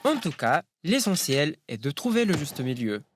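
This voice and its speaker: A man's voice: fairly high pitch, sing-song, moderate pace, a little hiss or hum. A man from Spain whose first language is Spanish, giving a wry, teasing scripted narration.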